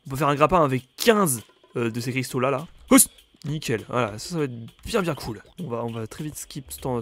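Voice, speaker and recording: A young man with a cold, commenting loudly on his own gameplay, swearing and yelping when enemies attack. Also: medium pitch. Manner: excitable, swears a lot, yelps at enemies. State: has a cold. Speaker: gaming YouTuber.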